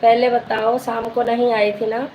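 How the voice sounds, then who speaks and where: A woman's voice: a little high, level tone, measured pace, a little mellow, slight background noise, low-quality recording. A woman, a folk singer chatting casually with viewers on a live stream, calling them sister and reading their comments aloud.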